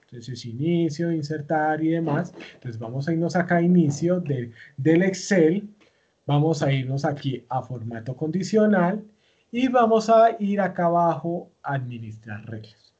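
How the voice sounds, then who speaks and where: A man's voice: on the high side, animated, normal speed, darkish tone, slightly rough, muffled recording. A man teaching a recorded online class, walking through each step patiently with many fillers and self-corrections. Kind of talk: recorded online class, screen-share tutorial.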